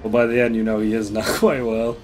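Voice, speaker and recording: A man's voice: on the low side, flat delivery, brisk, soft background music. A man casually commenting while playing a game, rambling, laughing often and swearing now and then. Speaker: gaming streamer. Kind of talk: casual let's-play commentary.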